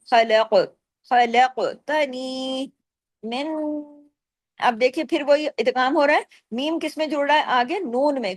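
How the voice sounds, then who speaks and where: A woman with a high, bright voice walks through recitation rules in a patient teaching manner, asking questions and answering them herself. She draws out the example sounds slowly and carefully. The recording is close and dry. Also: no echo. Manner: patient, explains step by step, asks and answers her own questions. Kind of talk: tajweed lesson with recited examples.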